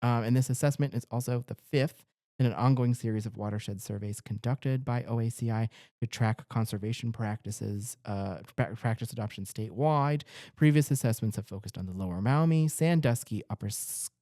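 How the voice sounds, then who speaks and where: A man's voice: medium pitch, normal speed, mellow, dry recording, clean studio sound. A young man reporting farm news in a casual, jokey rundown, stumbling over place names now and then.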